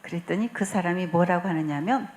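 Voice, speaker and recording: A woman leading a spiritual retreat, telling stories in a warm, chatty way with frequent fillers and occasional laughter. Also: lowish voice, brisk. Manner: warm storytelling, acts out quoted dialogue, frequent fillers; laughs often while speaking. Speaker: lay mission president leading a retreat talk.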